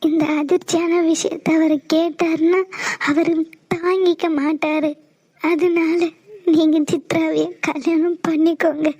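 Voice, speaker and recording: A woman's voice: very high-pitched, little pitch movement, measured pace, dark tone, dry recording. Woman voicing Dhiya, a tearful young cartoon wife. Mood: pleading. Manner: tearful, pleading. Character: heartbroken young wife secretly married. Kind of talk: cartoon voice acting.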